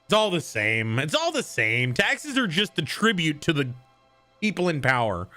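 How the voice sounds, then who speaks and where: A man's voice: a little high, moderate pace, soft background music. A man streaming live, chatting casually and jokily with viewers and greeting them by name. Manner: animated, jokey, greets chat members by name.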